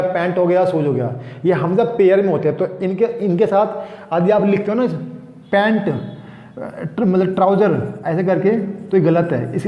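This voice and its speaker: A man's voice: sits high, warm tone. A male grammar teacher, explaining step by step to students in a classroom lecture. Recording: echoey dull room sound.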